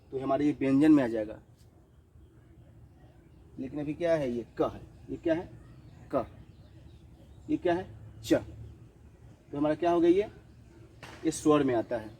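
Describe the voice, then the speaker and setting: A man teaching a children's grammar lesson, his voice a little higher than most men's, with a mellow, dark tone. He repeats each definition slowly and asks questions before answering them himself, slipping English words in along the way. Birds and outdoor rural sounds can be heard faintly behind him. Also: a little hiss or hum, rough recording. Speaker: school teacher.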